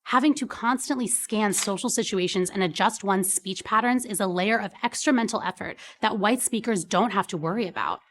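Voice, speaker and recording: A woman's voice: mid-range voice, fairly quick, few pauses, fairly bright tone. A woman with a mid-range voice narrates a scripted explainer. Her delivery is formal and informative.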